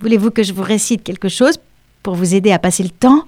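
A woman's voice: mid-range voice, fast talker, a little mellow, no echo, lightly acted. A woman voicing a precocious, self-assured English schoolgirl who speaks in a prim, articulate way, in an audiobook reading.

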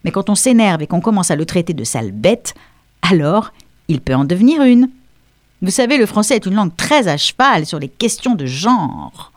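A woman's voice: on the low side, big pitch swings, moderate pace, dry recording, studio quality. A woman voicing a precocious, self-assured English schoolgirl who speaks in a prim, articulate way, in an audiobook reading.

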